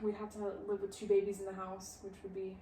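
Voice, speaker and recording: A woman's voice: mid-range voice, completely flat delivery, fast talker, dark tone. A laid-back woman in her late twenties chats on a podcast and laughs often. She sounds a little distant from the mic, in an echoey room. A faint hiss sits behind her voice. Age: late 20s. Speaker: podcast co-host. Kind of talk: casual chat.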